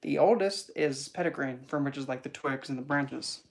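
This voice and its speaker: A spiritual teacher giving a casual esoteric teaching talk at a middle pitch. The delivery is rambling and chatty, with animated asides. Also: normal speed, gravelly.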